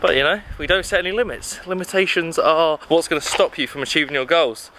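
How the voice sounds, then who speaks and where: A man's voice: a little high, brisk, sharp tone, slight background noise. Chatty upbeat man vlogging on camera. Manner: chatty, upbeat, lots of fillers and restarts. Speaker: fitness vlogger. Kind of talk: casual vlog chat. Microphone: handheld camera.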